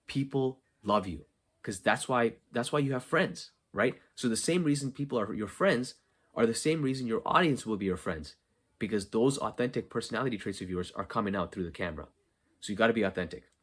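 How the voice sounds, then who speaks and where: Fresh from a workout, a man with a mid-range, slightly breathy voice hosts a solo motivational podcast from an unfinished basement. He speaks earnestly and emphatically, posing questions and answering them himself.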